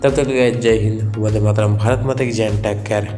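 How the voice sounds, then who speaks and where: A man's voice: on the low side, steady tone, moderate pace, mellow. A young man hosting a gaming channel, talking through a game update in a voice-over full of fillers and repeated "guys". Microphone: voice-over over screen recording. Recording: echoey room with faint background music.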